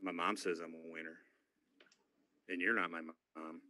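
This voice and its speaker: A man's voice: deep voice, level tone, unhurried, bright, forceful tone. A man co-hosting a casual podcast, heckling and joking with childish comebacks. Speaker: podcast co-host.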